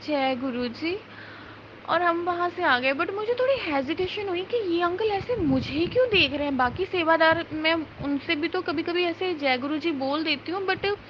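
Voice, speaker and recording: A woman's voice: extremely high pitch, lo-fi sound, slight background noise. A woman sharing an earnest, emotional devotional testimony, mixing English words into her talk.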